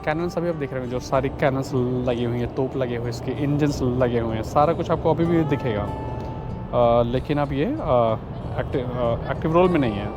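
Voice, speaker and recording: Over music, a man with a medium-pitched voice gives a casual walking tour to camera along city streets by a river outdoors. He speaks at a moderate pace, mixing in English words and sometimes searching for the right one.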